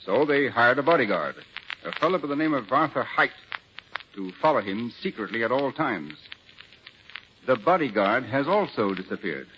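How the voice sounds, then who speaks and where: A muffled, noisy recording of a 1940s radio broadcast has an actor voicing a self-assured, middle-aged lawman laying things out with wry confidence. He speaks at normal speed in a mid-range, sing-song voice that is only lightly acted.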